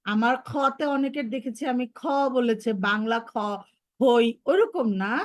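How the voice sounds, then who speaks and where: Brief: high-pitched woman, Bangladeshi Bengali accent, patient online tutor for kids. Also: unhurried, dry recording, clean studio sound. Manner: patient, encouraging, models sounds repeatedly. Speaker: Arabic pronunciation teacher. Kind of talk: online lesson for children.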